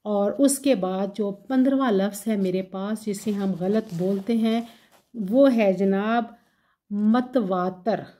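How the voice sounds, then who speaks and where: A woman's voice: medium pitch, unhurried, warm tone. A woman giving a pronunciation lesson, setting each mispronounced word beside its correct form and then explaining what it means. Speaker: language teacher.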